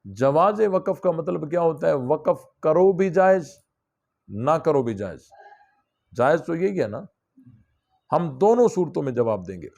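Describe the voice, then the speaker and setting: A man's voice: a little high, animated, creaky, pauses often, a little mellow. A man teaching a religious class, explaining a text step by step and asking his students questions. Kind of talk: classroom lesson on scripture.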